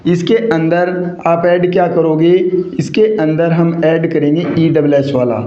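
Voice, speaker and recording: High-voiced man teaching in an echoey room. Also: little pitch movement, a little slow, mellow, a little hiss or hum. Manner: asks questions and answers them himself, repeating key points. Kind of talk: classroom grammar lecture. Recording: echoey, dull lo-fi room sound.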